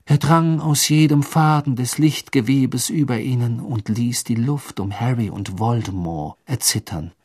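A man reading a storybook aloud as narrator, in an expressive, dramatic way. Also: medium pitch, unhurried, few pauses, husky, no room sound, clean studio sound. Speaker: audiobook narrator.

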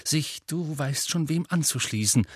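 A man puts on a clever young witch who presses with earnest, quick questions. His voice is slightly husky and recorded dry and close. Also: a little high, animated, no room sound, pitched above the performer's own voice. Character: clever worried schoolgirl witch.

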